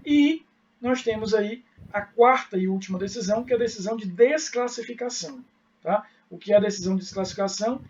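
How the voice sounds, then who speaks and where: A man's voice: sits high, fairly quick, distant mic, dull audio. A man with a Brazilian accent giving a live online law lecture, explaining step by step, asking rhetorical questions and checking in with students. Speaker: law professor.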